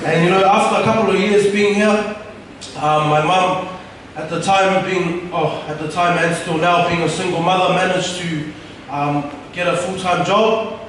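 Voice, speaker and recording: Holding a mic on the stage of a large church room, a young church member from Tonga shares his personal testimony, rambling casually with plenty of fillers. He speaks at a moderate pace with a high, somewhat bright voice and fairly even intonation, captured distantly in an echoey hall with slight background noise.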